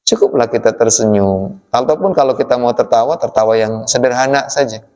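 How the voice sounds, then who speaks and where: A male preacher, leading a friendly study-circle sermon. He talks in a folksy way, often checking in with his listeners. His mid-pitched voice rings out through the long reverb of a mosque hall. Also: brisk, a little mellow. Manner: folksy, addresses the audience as "Pak", frequent "ya" tags.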